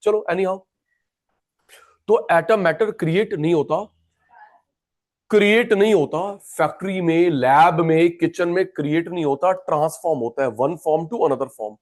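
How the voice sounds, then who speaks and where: A man's voice: a little high, a little slow. A man teaching an economics class, chatty and repetitive, calling students by name. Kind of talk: classroom lecture.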